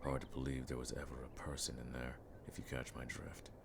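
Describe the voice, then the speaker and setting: The seasoned monster hunter, played by a man, talks in a fairly flat, extremely low and gravelly voice, in the manner of a fantasy audio roleplay. His mood is wry and scornful, though he remains measured, world-weary, friendly and fond of old-fashioned expressions. Clear ambience and some background noise sit behind him.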